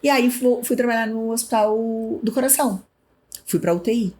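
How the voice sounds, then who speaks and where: A woman, a former health official, telling animated stories in a podcast interview and acting out remembered conversations. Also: fairly high pitch, moderate pace. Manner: animated storyteller who acts out remembered dialogue. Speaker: guest, former municipal health secretary.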